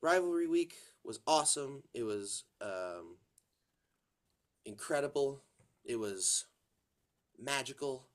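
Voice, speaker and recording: Taking it slowly with long pauses, a podcast co-host with a medium-pitched, expressive voice sounds congested as he chats casually about college football. His talk rambles, with many fillers and restarts.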